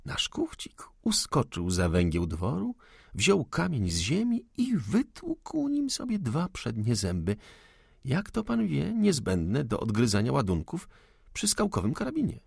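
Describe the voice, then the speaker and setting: A man voicing a proud young lady of the manor, calm, witty and unafraid, in an audiobook. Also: mid-range voice, unhurried, vocal fry, slightly rough, no echo, studio quality, pitched above the performer's own voice, exaggerated voice. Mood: storytelling lively. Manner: cool, ironic, unafraid.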